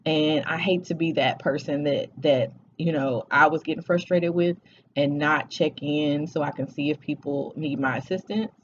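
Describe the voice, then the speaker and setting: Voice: mid-range voice, steady tone, moderate pace, muffled recording, slight background noise. A vlogger in their forties chatting casually to camera, talking hesitantly with many fillers and restarts. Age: 40s.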